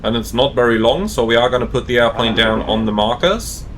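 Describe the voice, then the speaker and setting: A man speaks as an airline pilot in a cockpit, mixing casual commentary with radio calls. His mid-range voice moves up and down in a lively way. A faint rumble sits behind him. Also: a little fast. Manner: casual, conversational.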